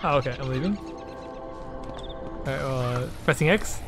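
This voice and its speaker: A man's voice: mid-range voice, moderate pace, over loud music. A young man chatting casually as he plays a game, goofy and profane. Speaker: gamer in a let's play. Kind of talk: casual joking game chat.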